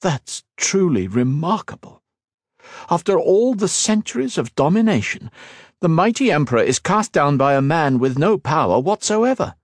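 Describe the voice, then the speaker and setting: A man reading an audiobook voices a formal, thoughtful elf noble in a measured, courtly manner. His pitch sits raised and moves in a lively way. The recording is dry and close, with no echo.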